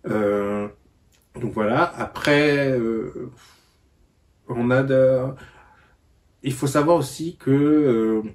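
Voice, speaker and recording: Halting man explaining in a vlog. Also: medium pitch, darkish tone. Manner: halting, searching for words. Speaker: book vlogger.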